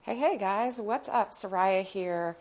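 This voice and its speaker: A podcast host chats casually in a rambling, storytelling way, sounding stuffy and nasal from a cold. She has a mid-range voice and takes her time, and the phone recording from her living room carries background noise.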